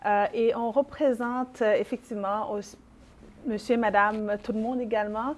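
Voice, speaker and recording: A woman in her forties with a Quebec French accent, a lawyer speaking as a guest in an interview, measured and with frequent hesitations. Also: a little high, steady tone. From Haiti. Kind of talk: conversational interview.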